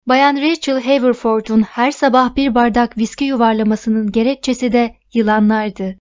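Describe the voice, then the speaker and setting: A woman's voice: on the high side, dull audio. Woman narrating an audiobook. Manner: steady storytelling. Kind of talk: first-person novel reading.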